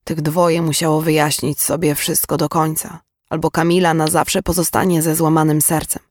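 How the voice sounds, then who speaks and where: A man narrating a novel as an audiobook, with a steady, even storytelling manner. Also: on the high side, moderate pace, no echo, studio quality. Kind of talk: scripted narration.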